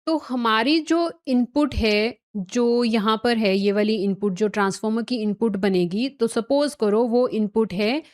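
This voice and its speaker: A woman's voice: fairly high pitch, unhurried, few pauses, darkish tone. A woman teaching a recorded tech lecture, explaining step by step, mixing in English technical terms and often checking that listeners follow.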